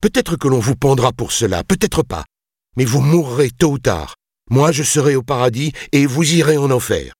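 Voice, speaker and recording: A man's voice: fairly low pitch, big pitch swings, brisk, few pauses, slightly rough, no room sound, clean studio sound, voice pushed up. A man reading an audiobook, voicing a proud master builder who is frightened but stubbornly defiant and keeps a controlled tone. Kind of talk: audiobook character voice.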